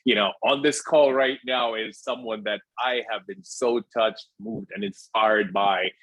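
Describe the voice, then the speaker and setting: A man's voice: fairly low pitch, unhurried, no echo, rough recording. A man hosting an online call, talking in a casual, playful way. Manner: playful, animated teasing.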